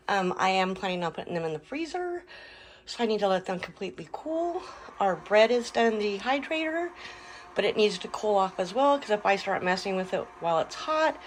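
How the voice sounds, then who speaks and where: A woman's voice: mid-range voice, a little hiss or hum. A middle-aged woman hosting a home cooking video, chatting casually with lots of fillers and small laughs. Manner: chatty, relaxed, many fillers and little laughs. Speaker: cooking channel host. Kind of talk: casual kitchen vlog narration. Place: home kitchen.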